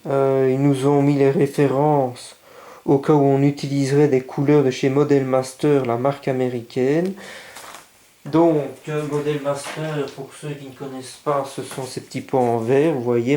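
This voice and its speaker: A man's voice: mid-range voice, slight background noise. A man casually showing a scale model kit to his viewers, hesitant with many fillers, stumbling over English words. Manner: relaxed, hesitant with frequent "euh" fillers; mispronounces English paint names. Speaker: scale model hobbyist vlogger. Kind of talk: casual unboxing commentary.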